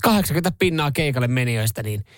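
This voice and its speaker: A man hosting a morning radio show, chatting loosely and laughing often as he banters with his co-host. His voice sits at an ordinary middle pitch, and the studio sound is very dry and close, with no room echo at all. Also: expressive. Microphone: studio microphone.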